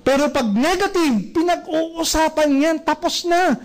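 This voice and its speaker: High-voiced man giving a pep talk. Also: unhurried. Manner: rhetorical, keeps quizzing the audience. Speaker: speaker at a network marketing event. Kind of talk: motivational seminar talk.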